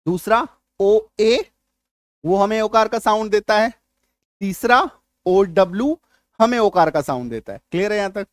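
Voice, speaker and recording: A man's voice: sits high, expressive, measured pace, pauses often, no echo, studio quality. Hindi-speaking man teaching English spelling. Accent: Indian. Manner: checks understanding often, repeats for drilling. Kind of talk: spoken lesson.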